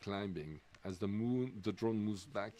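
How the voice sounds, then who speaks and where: A middle-aged Swiss man with a French accent giving live commentary on a race, halting and full of fillers. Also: lowish voice, warm tone. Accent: French-speaking Swiss. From Switzerland. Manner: halting, many fillers and restarts.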